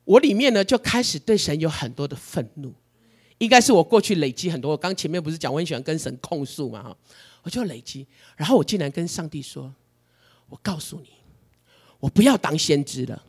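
A man preaching a sermon, telling his story in an animated, emotional way. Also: on the high side, fast, slightly rough.

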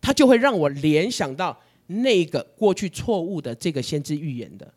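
A man preaching a sermon, telling his story in an animated, emotional way. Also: on the high side, normal speed, husky.

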